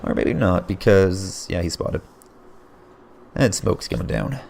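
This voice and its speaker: Over a faint hiss, a man with a gravelly, low, hoarse voice casts a game replay blow by blow at a measured pace. His voice is growing raspy, and he keeps excitedly cutting in with surprised exclamations.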